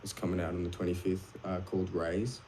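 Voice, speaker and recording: A young man with an Australian accent and a low voice talks casually as a guest. He rambles, restarts his sentences and says um often. Faint hiss sits behind him on an online call. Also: flat delivery, brisk, dark tone. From Wales. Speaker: music producer guest. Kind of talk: casual chat.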